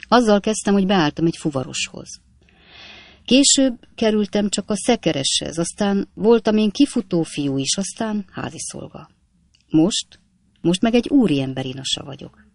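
A narrator voicing a cheerful, witty young manservant in an audiobook, chatting in a folksy, gravelly tone. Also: medium pitch, lively intonation, no echo, clean studio sound, pitched above the performer's own voice. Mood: lively, folksy.

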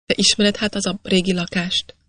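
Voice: medium pitch, little pitch movement, bright, forceful tone, no echo, lightly acted. Earnest young miner read by a narrator. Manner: pressing, earnest questioning.

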